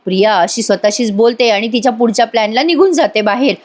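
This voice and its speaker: A woman's voice: fairly high pitch, fast talker. A woman giving a casual voice-over review of a TV serial, chatting directly to viewers.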